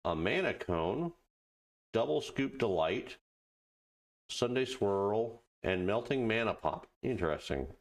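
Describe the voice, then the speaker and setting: A man giving casual let's play commentary, muttering halting asides to himself and reading on-screen text aloud. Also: on the low side, sing-song. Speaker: gaming video host.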